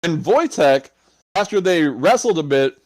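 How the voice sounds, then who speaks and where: A man's voice: a little high, very animated, unhurried, dry recording, low-quality recording. A man co-hosting a podcast, telling a story in loose casual chat, swearing often and laughing between lines. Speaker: podcast co-host.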